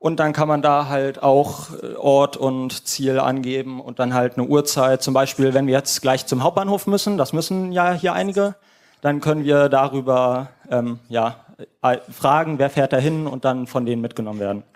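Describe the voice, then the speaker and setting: A man's voice: mid-range voice, moderate pace. A man presenting his team's app at a hackathon, walking through the screens step by step in a live demo.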